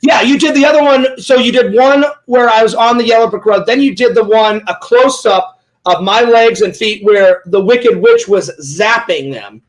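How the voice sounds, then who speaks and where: A high-pitched man talks fast and eagerly as host, rambling through a story and quoting himself again and again. The chat is loose and informal. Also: rough recording. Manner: excitable, rambling storyteller retelling his own words. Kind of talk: casual chat.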